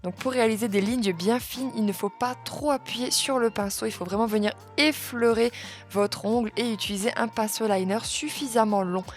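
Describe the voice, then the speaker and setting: A woman calmly narrating a step-by-step nail art tutorial as the channel's host. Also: fairly high pitch, moderate pace, faint music behind. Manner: calm, step-by-step explaining with fillers.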